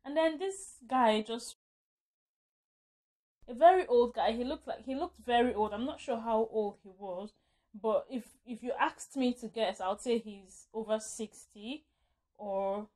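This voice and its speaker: A woman's voice: a little high, measured pace, pauses often, mellow. A woman telling a casual storytime vlog, rambling, correcting herself and laughing often. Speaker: vlogger.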